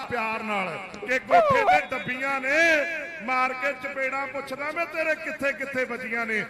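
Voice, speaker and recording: A man calls a village kabaddi match in a very high-pitched voice with an Indian Punjabi accent. His commentary is frantic and declamatory, full of repeated, rhyming catchphrases. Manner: excited, declamatory, repeats phrases.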